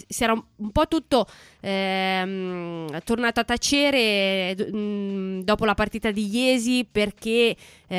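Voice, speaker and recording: Female radio host, sports talk. Smooth, crisp voice, dry close sound, halting delivery with stressed key words. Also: medium pitch, no echo.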